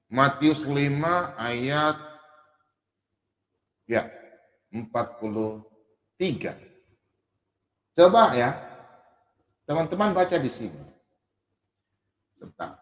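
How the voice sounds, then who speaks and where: A man giving casual online Bible teaching, joking and poking fun at himself, and reading verses slowly and drawn out. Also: medium pitch. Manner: animated, joking, self-mocking. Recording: echoey room with long reverb.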